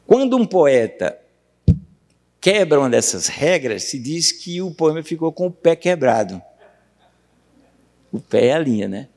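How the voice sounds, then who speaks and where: A man with a Brazilian Portuguese accent giving a university lecture on poetry, questioning the audience and reciting verse slowly. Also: on the high side, big pitch swings, a little mellow. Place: university auditorium. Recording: long hall reverb.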